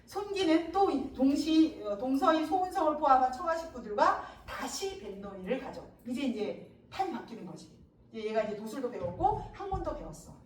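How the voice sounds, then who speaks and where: A woman's voice: high voice, brisk, reverberant, distant mic, slight background noise, low-quality recording. A woman teaching a classic novel for exam prep, acting out the characters' lines in a casual, slangy way. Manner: animated, acts out characters' lines. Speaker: Korean literature teacher.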